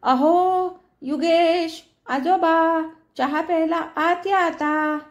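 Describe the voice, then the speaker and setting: A woman's voice: sits high, lively intonation, measured pace, a little mellow, pitched above the performer's own voice. A woman voicing a young schoolteacher who talks playfully and affectionately with a small boy in a read-aloud novel. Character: warm young woman teacher, gently teasing.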